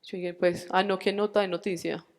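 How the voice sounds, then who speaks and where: At a church retreat, a Colombian woman in her forties animatedly shares her personal faith testimony, acting out the dialogue. Her pitch is fairly low and her pace moderate, in a large hall.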